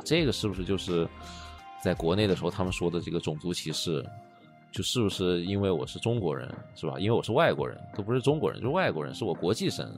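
A man in his late twenties co-hosting a casual podcast, telling stories in a chatty way that gets animated and then trails off softly. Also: low voice. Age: late 20s. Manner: storytelling, animated when recounting, trails off softly. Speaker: podcast co-host. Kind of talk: casual chat.

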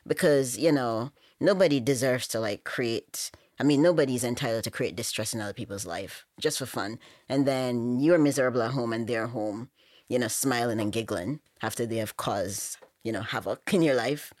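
A woman's voice: a bass voice, normal speed, darkish tone, dry recording, studio quality. A woman in her thirties with a Jamaican accent, a podcast guest speaking frankly and emphatically with many fillers. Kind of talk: casual interview chat.

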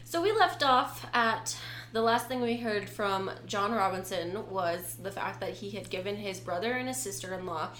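A woman's voice: mid-range voice, lively intonation, normal speed, fairly bright tone. A young woman co-hosting a casual true-crime podcast, telling the story conversationally with slangy asides. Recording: roomy echo, faint background noise.

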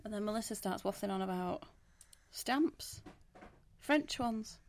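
A woman's voice: mid-range voice, animated, a little slow, a little hiss or hum. A woman, co-hosting a podcast in casual chat, dry and teasing in a matter-of-fact way. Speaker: podcast co-host.

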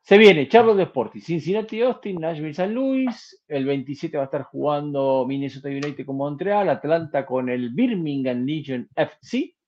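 A man, a talk host who reels off football scores in a loose, chatty way, full of "eh" fillers. His voice sits a little high for a man. The audio is dull and lo-fi, as if the mic were muffled. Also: normal speed, hardly any pauses, darkish tone. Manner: chatty, rattling off match results with fillers. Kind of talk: casual sports talk.

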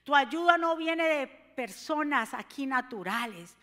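A woman delivers a fervent sermon in a high voice, dropping soft and then rising to shouts. Her voice rings with the long reverb of a church hall. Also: animated, unhurried. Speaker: preacher.

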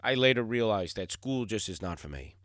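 A young man hosting his own podcast, talking in a blunt, casual monologue full of swearing and filler words, his voice still slightly hoarse. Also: fairly low pitch, animated, a little fast, a bit bright, no room sound, studio quality. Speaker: podcast host.

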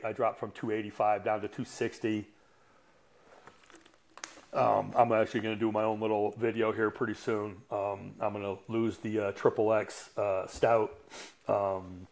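Casting: man in his sixties, coach and podcast guest, blunt cussing storyteller, halting with fillers. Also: on the low side. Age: 60s. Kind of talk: casual storytelling.

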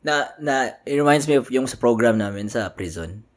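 A man's voice: mid-range voice, animated, normal speed. Filipino guy on a chill podcast, taglish, cusses a lot, voice jumps all over. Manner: swears often, slangy Taglish, laughs a lot. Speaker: podcast co-host. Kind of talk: casual chat.

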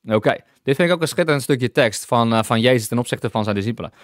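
A man leads a Bible teaching session with open enthusiasm, stopping to restart sentences and calling out hallelujah along the way. His voice sits at an ordinary middle pitch. The sound is close and dry, with no room echo. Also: animated, fast talker. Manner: enthusiastic, exclaims hallelujah often; many restarts while reading and explaining scripture.

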